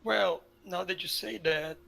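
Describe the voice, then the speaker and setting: A man voicing a high-voiced, obedient male sidekick who speaks hesitantly and deferentially. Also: unhurried, creaky, bright, forceful tone, soft background music, full character voice. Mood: puzzled.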